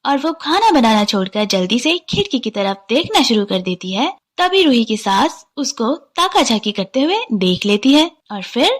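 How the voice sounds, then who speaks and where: A woman narrates a moral story in an expressive, storytelling manner. Her voice is high, and her pitch rises and falls in a lively way. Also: moderate pace, hardly any pauses.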